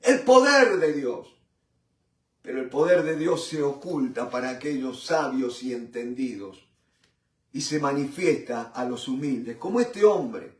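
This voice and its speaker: A man teaching a Bible study in a fervent sermon style, repeating tag questions and addressing listeners as brothers, with halting restarts and swings in loudness. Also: mid-range voice, lively intonation. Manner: fervent, repeats "mi hermano" and "¿no es cierto?". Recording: roomy echo from a distant mic.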